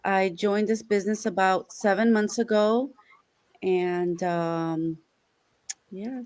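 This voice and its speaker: A woman from the United States speaks on a live panel over a video call. Her voice is mid-pitched, and she keeps her answers brief and plain. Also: slow, darkish tone.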